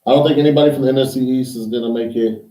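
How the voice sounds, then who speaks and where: A man's voice: mid-range voice, fairly even intonation, racing, mellow. A man co-hosting a podcast, chatting casually about football and teasing his co-host. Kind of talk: casual sports chat. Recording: roomy echo, mic at a distance.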